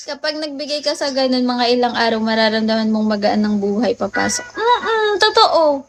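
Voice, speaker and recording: A woman's voice: on the high side, animated, moderate pace, soft background music. A woman from the Philippines chatting casually with viewers on a late-night phone livestream, telling stories and laughing often.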